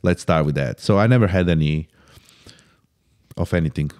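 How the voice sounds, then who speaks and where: A man's voice: sits low, a little mellow. A man in his thirties chatting casually as a podcast guest, dropping "bro" into nearly every thought and often restarting sentences as he thinks. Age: 30s. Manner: casual, sprinkles "bro" constantly; halting restarts while thinking.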